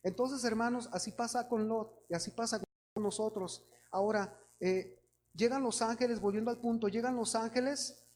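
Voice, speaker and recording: A man's voice: extremely high pitch, fairly even intonation, moderate pace, a little mellow. A man preaching a sermon, telling a personal testimony in a conversational way and often addressing the congregation as brothers.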